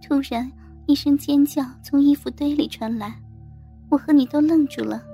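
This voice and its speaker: High-voiced woman narrating an intimate story. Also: normal speed, dark tone, soft background music. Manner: intimate, addresses the listener directly. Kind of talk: first-person adult audio story narration.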